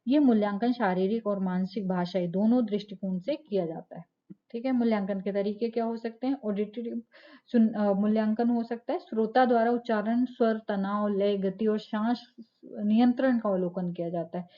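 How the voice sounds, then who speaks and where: A woman's voice: mid-range voice, normal speed, highs cut off. A woman teacher giving a lecture, explaining step by step, asking rhetorical questions and checking in with "ठीक है". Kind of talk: classroom lecture.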